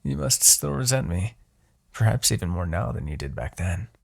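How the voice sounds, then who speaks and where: A man voices a low, gravelly demon king in a fantasy ASMR roleplay, a smug, seductive tyrant who taunts and manipulates. His theatrical, exaggerated delivery swings widely in pitch at a moderate pace, drawing out words condescendingly with a smug, coaxing air.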